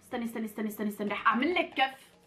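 A woman's voice: a little high, lively intonation, rapid-fire, fairly bright tone, soft background music. A woman in her twenties with a Levantine Arabic accent, chatting playfully to her viewers as she plays, teasing and putting on mock-angry outbursts. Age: 20s. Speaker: vlogger. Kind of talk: playful gameplay commentary.

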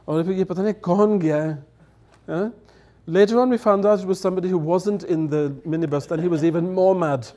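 Seated at a table on a studio set with dark curtains, a middle-aged native English-speaking man, a guest elder, tells anecdotes in a chatty way. His voice is high-pitched, brisk and mellow, and he laughs and acts out the lines he quotes.

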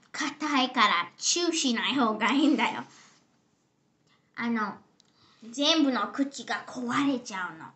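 A woman's voice: a little high, sharp tone. Giggly young girl reviewing candy. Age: child. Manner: giggly, chatty, switches into English phrases. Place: home table.

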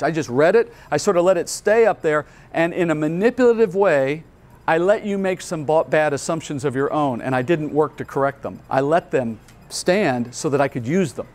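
Earnest pastor teaching step by step. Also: male voice, fairly high pitch, expressive, a little fast. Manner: earnest, explains step by step with rhetorical questions. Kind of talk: conference Bible teaching. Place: conference hall.

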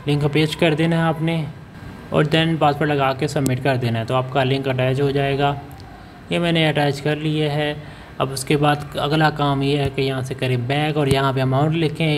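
A man talks viewers through an app on his phone, step by step, often pausing to correct himself. His voice sits a little high and stays flat in pitch throughout. A faint hiss runs under the recording. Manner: explains step by step, many fillers and self-corrections. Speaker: channel host. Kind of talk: screen-recorded app walkthrough. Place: voice-over over phone screen recording.

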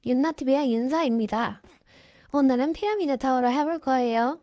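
A woman with a sore throat from a cold, speaking through a voice changer in halting, flustered, casual game commentary. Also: high-pitched, a little mellow, no room sound. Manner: halting, easily flustered, apologetic. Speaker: gaming YouTuber. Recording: dull, lo-fi, dry sound.

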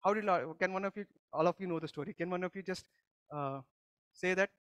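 High-voiced man preaching a conversational sermon. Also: a little fast, fairly bright tone, smooth, dry recording, highs cut off. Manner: teaching with frequent questions to the congregation and many restarts. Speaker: pastor. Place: church service.

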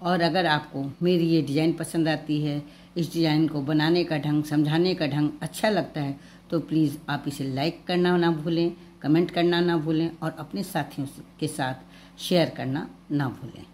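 A woman with a Hindi accent teaching a knitting pattern step by step, calm and patient, repeating each instruction slowly. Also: low voice, a little hiss or hum.

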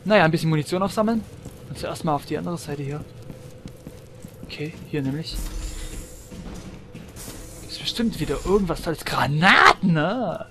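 A man's voice: fairly high pitch, animated, normal speed, long pauses, sharp tone, slight background noise. A man giving chatty commentary while playing a shooter game, humming and chanting while he shoots and exclaiming often. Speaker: let's player. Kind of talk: gameplay commentary.

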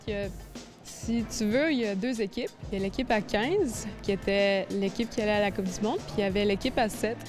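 A young woman in her twenties with a Quebec French accent, answering interview questions in a chatty, animated way. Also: mid-range voice. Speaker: athlete interviewee.

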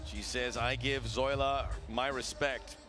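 A man's voice: medium pitch, steady tone, takes it slowly, music in the background. A man giving live play-by-play commentary for a combat sports broadcast.

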